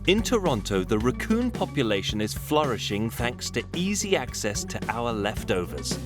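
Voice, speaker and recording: Animated male nature documentary narrator over music. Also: on the low side.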